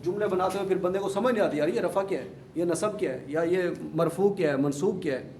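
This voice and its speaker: A man teaches a class, drilling his students with questions and repeating each word form until it sticks. His voice sits a little high and comes from some distance off the mic. An echoey classroom with a faint hum carries it. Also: a little mellow. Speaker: Arabic grammar teacher. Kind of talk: classroom lesson.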